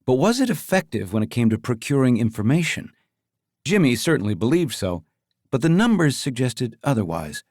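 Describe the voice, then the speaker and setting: A man narrating an audiobook in a steady, measured storytelling manner. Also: medium pitch, dry recording, clean studio sound. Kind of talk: scripted narration.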